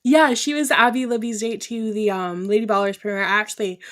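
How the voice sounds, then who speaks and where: A woman's voice: mid-range voice, steady tone, a little fast, fairly bright tone. A woman hosting a podcast, chatting casually with a guest and laughing often. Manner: laughs often, short back-channel replies. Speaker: podcast host. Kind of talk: casual chat.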